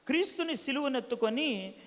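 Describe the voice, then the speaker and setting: Man, evangelist, Q and A with youth, high voice, rhetorical questions, long hall echo. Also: animated, fairly quick, fairly bright tone. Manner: rhetorical questions, asks audience for answers; mixes English words into speech. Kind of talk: Q and A preaching to young people. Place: conference hall.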